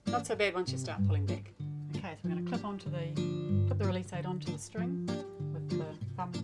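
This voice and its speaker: A woman coaching archery in plain, measured step-by-step instructions. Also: lowish voice, over loud music.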